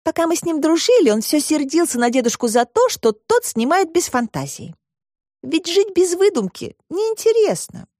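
A woman reader voicing a bold, inventive little girl in an audiobook, with a high, eager childlike delivery. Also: sing-song, moderate pace, mellow, dry recording, clean studio sound. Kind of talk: audiobook reading.

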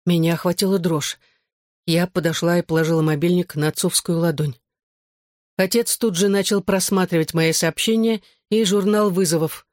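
A woman narrating a novel in the first person, measured and tense. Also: fairly low pitch, fairly even intonation, a little mellow, dry recording, clean studio sound. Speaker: audiobook narrator.

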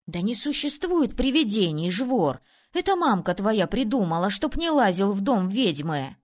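A woman's voice: mid-range voice, big pitch swings, moderate pace. A woman voicing a cocky red-haired village boy who leads a small gang. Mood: bossy. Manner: bossy, blustering.

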